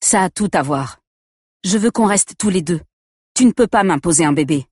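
A woman's voice: lowish voice, expressive, moderate pace, a little mellow, slightly rough, no echo, studio quality. A woman voicing an angry, controlling young man who talks coldly and accusingly, in a first-person story reading. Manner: cold and accusing, shifting to coaxing.

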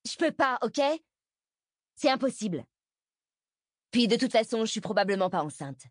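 A woman's voice: a little high, expressive, normal speed, no room sound, clean studio sound, voice pushed up. A woman voicing a sullen, exhausted teenage girl who snaps back defensively, in an audiobook. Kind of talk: audiobook character voice.

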